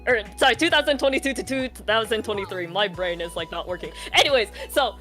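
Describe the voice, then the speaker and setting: A woman's voice: medium pitch, fast talker, faint music behind. A woman streamer telling a story in casual, profane chat, acting out the scenes as she goes. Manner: profane, animated storytelling with reenactments.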